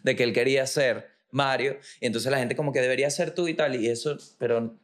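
Joking Venezuelan man, middle pitch. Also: steady tone, a little fast. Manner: joking, slangy, profane. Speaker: podcast host. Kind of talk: comic monologue.

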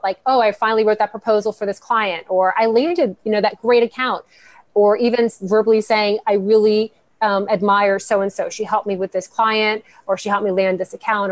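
A woman's voice: mid-range voice, no room sound. Upbeat woman guest on a dry mic. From United States, Cuban family. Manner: earnest, upbeat, talks in long flowing answers. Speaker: guest, founder of a women's network. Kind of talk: podcast interview.

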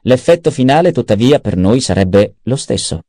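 A man's voice: mid-range voice, lively intonation, normal speed, mellow, no room sound, studio quality, voice pushed up, close to an everyday voice. A man voicing a cunning, self-satisfied male adviser in an audiobook, eager and precise. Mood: scheming. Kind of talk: audiobook character voice.

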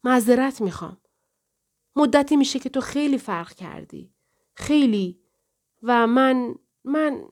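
A woman's voice: high-pitched, lively intonation, a little mellow, pitched above the performer's own voice. A woman reading an anxious, apologetic young man. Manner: halting, apologetic, breaks off mid-sentence. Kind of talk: audiobook character reading.

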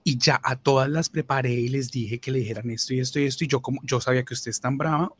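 Animated Colombian man telling a story. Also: breathy edge. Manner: animated, swearing, mimics others in higher voices. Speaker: podcast host. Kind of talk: casual storytelling.

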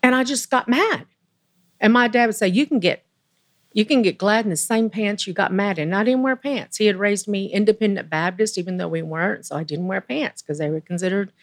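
As she recounts something personal during an interview, this low-voiced woman guest sounds earnest and full of emotion, often pausing and starting her sentences over.

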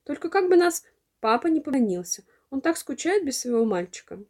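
A woman's voice: sits high, big pitch swings, fairly quick, a little mellow. A woman voicing a caring, busy mother in a children's storybook. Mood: agreeable. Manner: affectionate.

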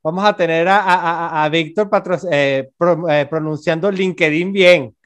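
A podcast guest, a man with a Venezuelan Spanish accent and a high voice, chats casually. He keeps agreeing with quick, easy replies. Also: a bit bright. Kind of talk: casual chat.

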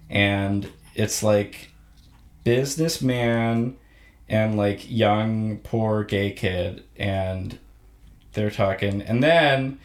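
A man in casual chat about a show he saw, rambling and halting with many fillers and restarts. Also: lowish voice. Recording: echoey room.

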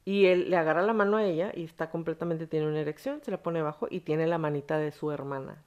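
A woman hosts a casual podcast, telling the story bluntly and dropping slang and swear words. Her voice sits low for a woman. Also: fairly even intonation, quick pace, a little mellow, highs cut off. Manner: frank, blunt, uses slang and profanity. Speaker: podcast host.

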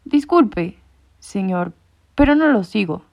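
A woman's voice: mid-range voice, animated, slow pace, vocal fry, a little mellow. Woman doing a put-upon storybook cat, whiny and grumbly, drawn out, muffled sound. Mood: grumbling. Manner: whiny complaining. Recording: muffled lo-fi recording.

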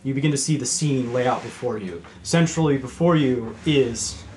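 Relaxed male game master. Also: mid-range voice, normal speed, a little hiss or hum. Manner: relaxed, loose, hedging descriptions. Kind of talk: narrating a tabletop game.

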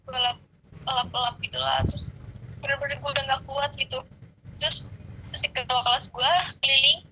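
A woman's voice: high-pitched, flat delivery, moderate pace, sharp tone, slight background noise, poor audio. A young woman telling a story in casual, slangy chat and swearing now and then.

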